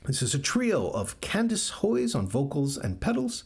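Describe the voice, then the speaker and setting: A man's voice: medium pitch, wildly swooping pitch, normal speed, vocal fry, slightly rough. A man hosting a music podcast, chatting casually and enthusiastically about albums, with frequent ums. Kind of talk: casual music radio chat.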